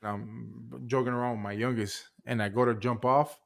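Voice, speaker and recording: A man's voice: medium pitch, fairly even intonation, moderate pace, vocal fry, a bit bright. Easygoing man who swears casually. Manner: swears casually, loose storytelling. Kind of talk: casual livestream chat.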